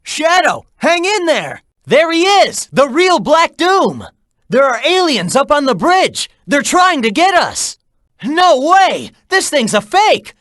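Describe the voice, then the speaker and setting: A young male hedgehog hero in an action video game, brash and upbeat. The pitch swings wildly through short, slangy, energetic battle callouts. The sound is dry and studio-tight, and the delivery is cocky and urging. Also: slow, dry recording, heavily acted. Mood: excited, urgent.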